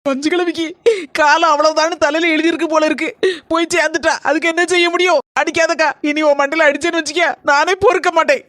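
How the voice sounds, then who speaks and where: A meddling cartoon village neighbor woman, quick to tease and gossip. Her comes fast and fairly high, recorded dry and close. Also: fairly even intonation, a bit bright, no room sound. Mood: teasing. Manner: teasing, quick-talking. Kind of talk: animated village comedy.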